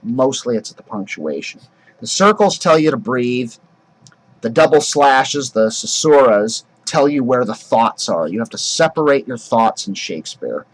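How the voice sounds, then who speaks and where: A man's voice: mid-range voice, lively intonation, moderate pace, low-quality recording. A drama teacher explaining how to speak verse, casual and explanatory, often restarting his sentences. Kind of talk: acting lesson.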